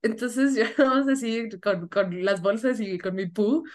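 Animated woman storyteller. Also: a little high, measured pace. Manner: animated storyteller, laughs often, acts out voices. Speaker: podcast co-host. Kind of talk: casual storytelling chat.

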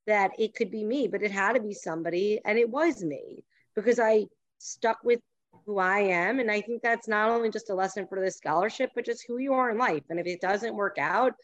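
A woman's voice: medium pitch, brisk, no room sound, muffled recording. A woman from New York with a Long Island accent, giving candid, self-deprecating and encouraging advice through personal anecdotes. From New York, United States. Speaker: panelist, past scholarship winner.

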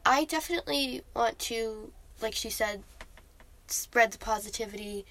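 A teenage girl with a fairly high voice co-hosts a podcast in casual, earnest chat. She sounds a little sick but stays upbeat and playful. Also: a little slow, a bit bright, poor audio. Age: teens. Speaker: podcast co-host.

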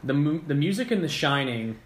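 A man's voice: fairly high pitch, sing-song, fairly quick, a little hiss or hum. Rambling enthusiastic man in echoey room. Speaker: podcast co-host. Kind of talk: casual chat. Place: apartment room.

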